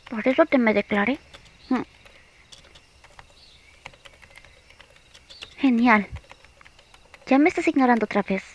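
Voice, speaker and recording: A woman playing a playful, pouty young girlfriend in an ASMR role-play, speaking slowly and coaxingly with teasing hums and pauses. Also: on the high side, a bit bright, dull audio, slight background noise. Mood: pouty, annoyed.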